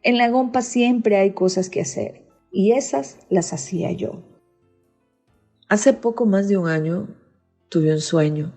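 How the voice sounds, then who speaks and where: A middle-aged woman reading her personal religious testimony in an earnest, measured way. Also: mid-range voice, vocal fry, mellow, faint music behind. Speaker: testimony speaker.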